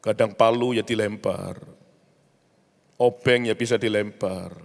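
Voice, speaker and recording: A man preaching, telling a personal story with emotional rises. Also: medium pitch. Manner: storytelling, rising into emotional outbursts. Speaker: pastor. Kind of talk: sermon testimony. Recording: long hall reverb.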